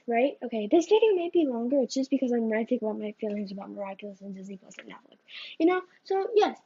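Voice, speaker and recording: Recorded on a phone that sounds slightly muffled, this vlogger has a slightly high voice with a dark tone and a breathy edge. She rambles as she rants at the camera, tacking "right?" and "you know?" onto her lines.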